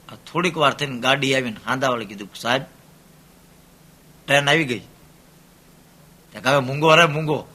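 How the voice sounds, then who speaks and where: A man's voice: on the high side, pushed and bright. A man with a Saurashtra Gujarati accent telling comic folk stories on stage, repeating his phrases in a storytelling rhythm and quoting the characters' dialogue. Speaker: folk storyteller and dayro performer.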